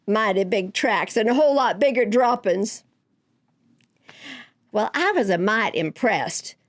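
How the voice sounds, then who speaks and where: Slow-drawling cowgirl poet, a woman. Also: medium pitch. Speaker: cowboy poet. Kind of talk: recitation of folksy cowboy poetry.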